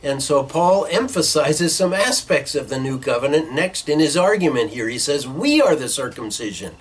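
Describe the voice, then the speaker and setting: A middle-aged pastor with a medium-pitched, expressive, slightly breathy voice preaches a sermon at a moderate pace from a small indoor church office lined with bookshelves. He teaches earnestly, gesturing with his hands and using some fillers, and a desk webcam captures it in low quality.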